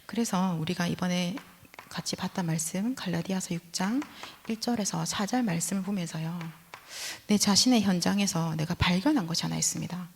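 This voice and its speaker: A woman preaching a sermon in a church. Her delivery is lively, rising and falling, and she sometimes drops into soft whispered asides. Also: fairly low pitch, a little fast, creaky, a little hiss or hum. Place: church sanctuary. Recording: reverberant church hall.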